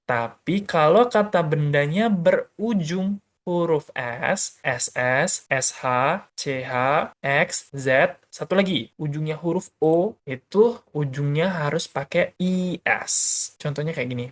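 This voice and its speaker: A male teacher giving a beginner grammar lesson, explaining step by step in a casual, chatty way and asking questions he answers himself. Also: a little high. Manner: casual and chatty, uses many fillers. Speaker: English teacher.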